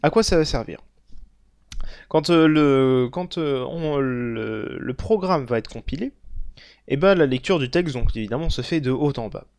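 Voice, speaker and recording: Halting young man explaining code. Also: medium pitch, expressive, darkish tone, dry recording. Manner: halting, many fillers and self-corrections. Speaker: programming tutor. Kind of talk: screen-recorded coding tutorial.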